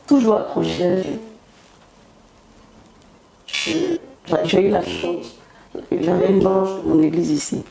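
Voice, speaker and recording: A woman's voice: on the low side, big pitch swings, gravelly, roomy sound, crowd noise. A singer, giving a solemn, devotional testimony in an interview at her home. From Côte d'Ivoire. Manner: slow, solemn, devotional phrasing. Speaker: gospel singer, interview guest.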